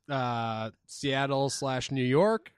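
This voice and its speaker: A man's voice: mid-range voice, extremely slow, smooth, no room sound. Rambling podcast co-host, man. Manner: rambling, hesitant, many fillers. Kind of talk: casual podcast chat.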